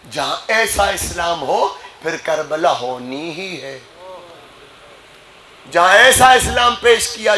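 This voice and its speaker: A man delivers a Muharram sermon in a high, bright voice. He moves from measured explanation to fervent, shouted passages. The hall around him rings with echo. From Sindh, Pakistan. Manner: rising to impassioned shouting, switches between Urdu and Sindhi. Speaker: Muharram majlis preacher. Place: majlis gathering hall. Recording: echoey gathering hall.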